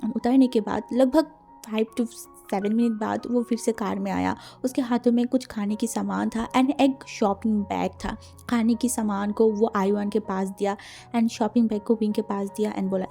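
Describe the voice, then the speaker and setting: A woman's voice: medium pitch, gravelly, dark tone. A woman casually retelling a fan fiction story, mixing in English words and acting out the dialogue.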